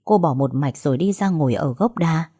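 A young woman reading a dramatized audiobook story, acting out family quarrels by raising her pitch and volume. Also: lively intonation, brisk, mellow, husky.

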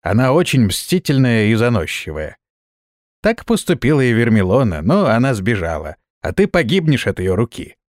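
A man's voice: mid-range voice, sing-song, moderate pace, no echo, studio quality, lightly acted. A man voicing an old, weary male vampire lord who groans and complains, in a storybook reading.

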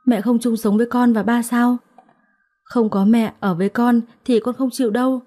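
A woman's voice: on the high side, fairly quick, dark tone, voice pushed up, lightly acted. A woman voicing a tearful ten-year-old girl who pleads with her mother in a storybook. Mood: pleading tearful. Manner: pleading, crying.

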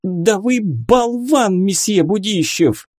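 A man reading a story aloud, voicing a proud young noblewoman who works as a nurse, in a raised, breathy voice. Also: mid-range voice, expressive, moderate pace, mellow, dry recording, studio quality, pitched above the performer's own voice. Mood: indignant.

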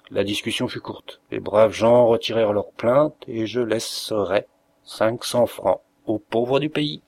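A man reading a classic short story aloud as an audiobook narrator, in an expressive, measured way. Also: mid-range voice, vocal fry.

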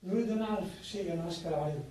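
Male student, fast questioner, dark mellow voice, very echoey classroom. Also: high-pitched, slight background noise. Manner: questioning, spelling out his confusion. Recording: echoey room, voice from far off.

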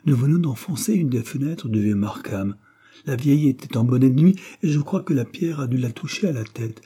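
A man doing a spoiled, insolent teenage boy who sneers and orders others about, his scornful lines set a little higher than plain reading. The tone is mellow and a bit husky. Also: expressive, fairly quick. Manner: scornful, bossy.

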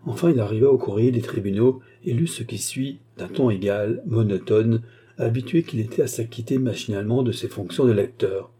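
A man reading a classic novel as an audiobook, steady and measured. His voice is dark and mellow with a husky edge. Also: medium pitch. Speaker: audiobook narrator. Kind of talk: scripted narration.

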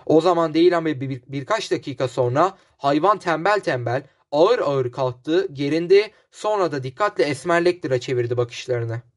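A man's voice: fairly high pitch, expressive, moderate pace, few pauses. Man narrating an audiobook. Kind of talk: scripted narration.

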